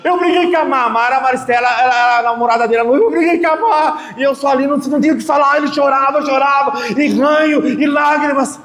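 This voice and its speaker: A middle-aged man from Brazil, a lay preacher telling stories in a sermon at a prayer group, dramatic and swinging between loud bursts and soft asides. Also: very high-pitched, steady tone, fast, hardly any pauses. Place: prayer group meeting hall. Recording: echoey hall with long reverb, faint room noise.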